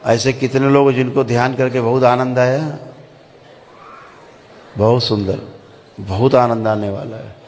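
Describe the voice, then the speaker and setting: A man calmly guiding a group through a meditation session, giving slow spoken instructions. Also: medium pitch, slight background noise. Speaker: meditation guide. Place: large hall with a gathering. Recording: echoey hall, faint ambience.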